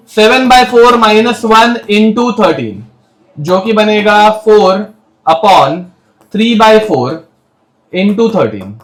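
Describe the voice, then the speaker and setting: A young Indian man with an Indian English accent teaching chemistry to a class, scolding talkers and dictating notes word by word. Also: high voice. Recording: echoey classroom.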